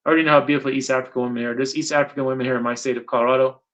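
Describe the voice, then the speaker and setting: Bright-voiced middle-aged man, rambling interviewer. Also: mid-range voice, fairly even intonation, racing. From Guyana. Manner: rambling, repeats points for emphasis. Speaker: interviewer and channel host. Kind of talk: casual interview talk. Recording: dull lo-fi sound.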